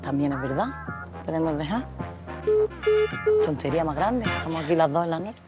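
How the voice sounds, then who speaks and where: A woman with a slightly low voice, chatting in a relaxed, easygoing way. She laughs easily, and music plays underneath. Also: normal speed. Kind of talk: casual chat. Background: background music.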